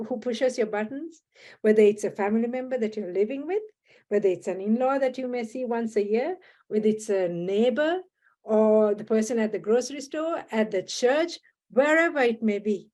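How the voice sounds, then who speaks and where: A woman speaks in a slightly raised voice as a podcast guest. She talks earnestly and in measured phrases, pausing and restarting as she gathers her thoughts. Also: on the high side, mellow. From Sri Lanka. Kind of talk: reflective podcast conversation.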